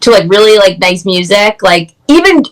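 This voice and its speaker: A woman guest chatting casually over a video call, excited and gushing, saying "like" constantly. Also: medium pitch, moderate pace, rough recording. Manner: excited, gushing, heavy use of "like". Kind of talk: casual chat.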